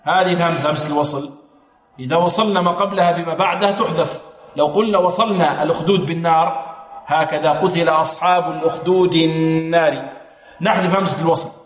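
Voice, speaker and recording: A man teaching Quranic recitation rules. He asks questions, answers them himself, and chants slow, drawn-out examples. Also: fairly high pitch. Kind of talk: tajweed lesson with recited examples. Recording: echoey hall recording.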